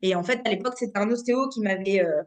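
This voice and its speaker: Speaking quickly at a medium pitch, a woman in her late twenties from the Paris region, France, recounts her life as an osteopath for a casual podcast. She's lively and chatty, her speech peppered with fillers and restarts.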